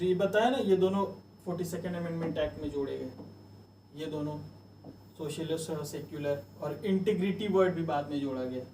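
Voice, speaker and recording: A man's voice: on the high side, warm tone, roomy sound, distant mic, slight background noise, rough recording. A male teacher giving a chatty exam-coaching lecture, repeating memory tricks over and over. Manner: chatty, repetitive drilling of mnemonics.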